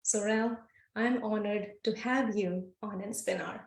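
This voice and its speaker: A woman's voice: mid-range voice, fairly even intonation, a little slow, creaky, reverberant. A woman hosting a podcast, introducing her guest with effusive praise. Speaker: podcast host.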